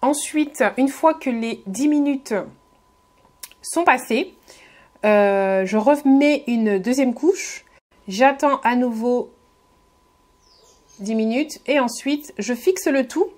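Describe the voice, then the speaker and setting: Her voice sits on the high side with a slightly mellow tone. She's a beauty vlogger giving a casual tutorial voice-over, friendly toward her viewers but hesitant, stumbling through fillers and restarts.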